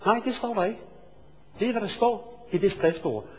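A male preacher telling a sermon story, swinging from hushed asides to loud, excited storytelling. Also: high voice, crowd noise. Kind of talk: sermon with anecdote. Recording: reverberant hall, dull lo-fi sound.

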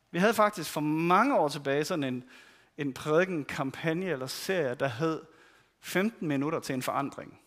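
A preacher delivers a sermon in a high, slightly bright voice, telling its stories conversationally. He acts out the people in them by quoting their voices.

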